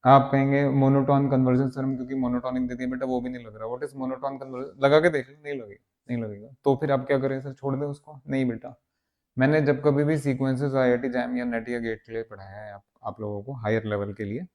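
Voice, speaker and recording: A man's voice: medium pitch, little pitch movement, brisk, a little mellow. A man teaching maths for an entrance exam, coaxing his students and repeating words for emphasis, with English phrases mixed in. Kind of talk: exam-prep maths lecture.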